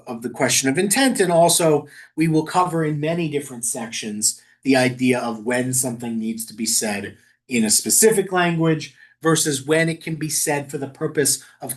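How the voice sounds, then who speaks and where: A man leading a synagogue Talmud study group in a chatty, informal teaching style, often amused by the text and stumbling over Aramaic words. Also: mid-range voice.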